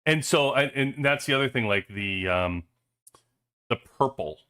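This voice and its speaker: A man hosting a casual interview, asking halting questions full of fillers and restarts. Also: mid-range voice, animated, sharp tone. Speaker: podcast host.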